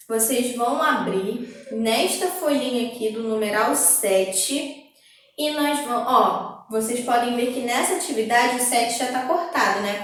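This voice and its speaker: Young Brazilian woman, preschool teacher on a video lesson; high voice, patient sing-song delivery, echoey room, off-mic. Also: recorded from a distance. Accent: Brazilian Portuguese. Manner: slow, patient, sing-song explaining with frequent "tá bom?".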